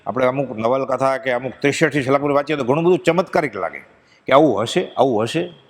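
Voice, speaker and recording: A man giving a devotional discourse to a gathering, telling stories with feeling and reciting verses slowly. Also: medium pitch. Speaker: spiritual discourse speaker. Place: pilgrimage satsang gathering. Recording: long hall reverb.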